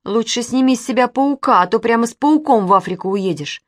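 A woman's voice: sits high, big pitch swings, takes it slowly, no echo, studio quality, voice pushed up, full character voice. A woman voicing a bossy young girl who scolds and teases in a raised voice. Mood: teasing. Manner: scolding, teasing. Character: bossy sharp-tongued young girl Katya.

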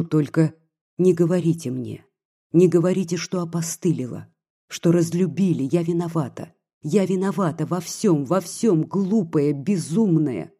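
Desperate pleading woman as a male reader puts her on, husky and dark, bitter and feverish. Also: a little high, heavily acted. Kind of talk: audiobook reading.

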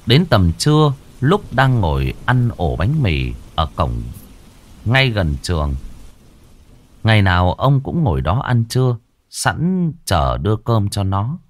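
A man narrating a ghost story in a slow, suspenseful and expressive way. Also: fairly low pitch.

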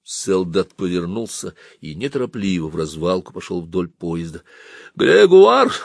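A man narrating a story aloud in an expressive, measured reading. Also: sits low, no room sound, clean studio sound. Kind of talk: audiobook reading.

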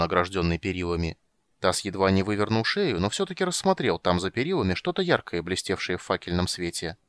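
A man narrating an audiobook in an expressive, animated reading. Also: lowish voice, no echo, clean studio sound.

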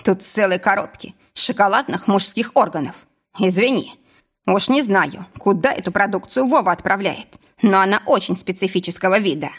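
A woman reading a determined, excitable woman in a husky voice. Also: medium pitch, moderate pace, lightly acted. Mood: calm. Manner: reassuring, then exclaiming.

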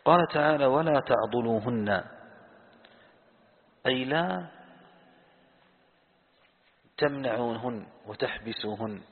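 A man teaching a lesson on Quran commentary, asking the audience questions and answering them himself, and slowly repeating key words. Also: mid-range voice, animated. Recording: tinny phone-like sound in a reverberant hall.

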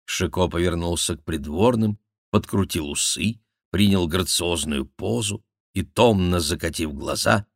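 A man narrating an audiobook in a measured storytelling manner. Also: deep voice, creaky, no echo, clean studio sound. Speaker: audiobook reader. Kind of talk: scripted narration.

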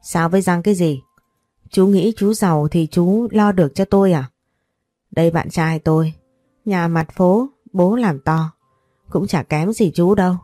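A woman's voice: lowish voice, a little slow, warm tone, no room sound, soft background music. A woman voicing a sassy fifteen-year-old girl who snaps back defiantly.

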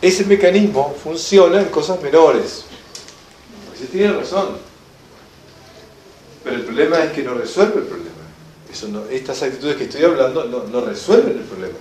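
A man with a Rioplatense Spanish accent lectures on the enneagram, his voice sitting fairly high and swinging widely in pitch as he acts out little scenes. He is recorded in an echoey room with a faint hiss behind him. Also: normal speed, long pauses. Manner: animated storyteller, acts out quoted voices with laughter. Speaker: enneagram teacher. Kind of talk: lively classroom lecture.

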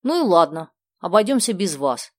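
A woman voicing an excitable schoolgirl. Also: on the low side, moderate pace, no room sound. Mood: excited. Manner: excited, exclamatory.

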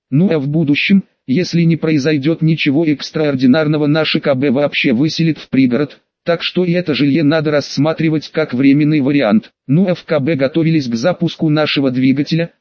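Мужской голос чуть выше среднего, спокойное повествование от первого лица, тусклый сухой звук. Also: male voice, a little high, no room sound, muffled recording. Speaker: audiobook narrator. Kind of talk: first-person audiobook narration.

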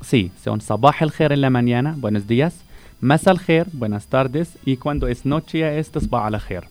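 Medium-pitched and darkish, this man's voice keeps a moderate pace. He's a Palestinian teacher and radio guest whose native tongue is Arabic, patiently teaching greetings and repeating each word for emphasis.

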